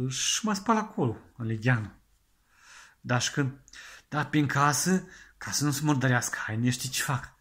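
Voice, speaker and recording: A man doing a comic monologue as a penny-pincher, talking earnestly in halting, rambling sentences full of restarts. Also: mid-range voice, fairly bright tone. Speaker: comedian playing an extreme penny-pincher. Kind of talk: comedic monologue sketch.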